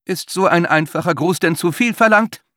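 A man voicing a pushy, insistent young male student in a shrill, demanding, theatrical way. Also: moderate pace, a bit bright, dry recording, studio quality.

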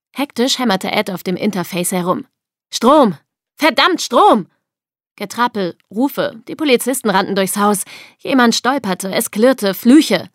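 A woman's voice: mid-range voice, no echo, clean studio sound. A woman narrating a thriller audiobook expressively, acting out the dialogue.

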